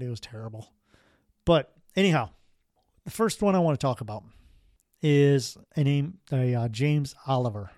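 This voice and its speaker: A man's voice: medium pitch, a little mellow, no room sound, studio quality. A man hosting a podcast, telling a strange story in a casual, rambling way with wry asides. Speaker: podcast host.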